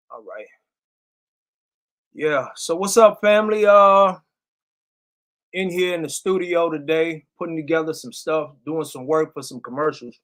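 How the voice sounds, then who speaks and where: A man's voice: on the high side, fairly bright tone. A man casually chatting as host of his own live stream from a music studio, loose and rambling, with lots of fillers.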